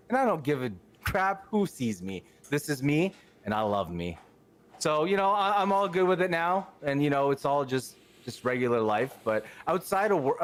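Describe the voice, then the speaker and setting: A man, chatting as a podcast guest in an outgoing, rambling way. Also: on the high side. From Canada. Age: 30s. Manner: outgoing, rambling, lots of fillers. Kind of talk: casual chat.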